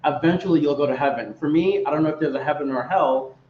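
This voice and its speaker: A man in his thirties, a crypto project founder, talking fast and fluently as a podcast guest. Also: a little high. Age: 30s. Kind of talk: casual podcast conversation. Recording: echoey, dull remote audio with faint noise.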